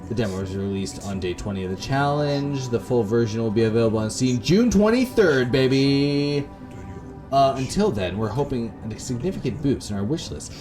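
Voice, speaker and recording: A Canadian man hosts a video game playthrough, giving laid-back, casual commentary in an animated, medium-pitched voice at a moderate pace. Atmospheric game music plays in the background.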